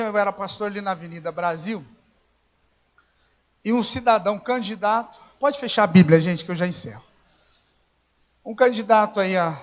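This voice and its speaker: In a dull, lo-fi recording made in church, a man preaches as pastor in a high voice. He tells his stories in a conversational way, performs the dialogue himself, and occasionally builds to shouting.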